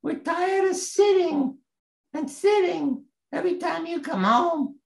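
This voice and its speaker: A man voicing a chorus of house pets who are tired of posing, in a squeaky, whiny voice. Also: slow pace, gravelly, roomy sound, heavily acted. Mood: fed up. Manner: whiny complaining.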